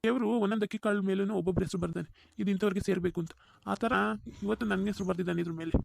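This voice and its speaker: A man's voice: high voice, fairly even intonation, very fast, creaky, darkish tone, no echo, full character voice. A man voicing a jolly, greedy father-in-law in a cartoon, gloating and teasing as he eats.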